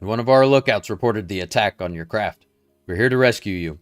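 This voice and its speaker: A man's voice: fairly low pitch, brisk, no room sound, clean studio sound, soft background music, lightly acted. A man doing a formal soldierly lieutenant. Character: brisk male military lieutenant, dutiful, formal. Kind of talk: reading game dialogue aloud in character.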